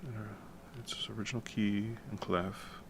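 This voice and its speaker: This music composition streamer talks a little slowly in a deep baritone, rambling casually as he works late at night from a home room. Relaxed and prone to casual swearing, he keeps his voice hushed to avoid noise. The audio carries noticeable background noise and typing.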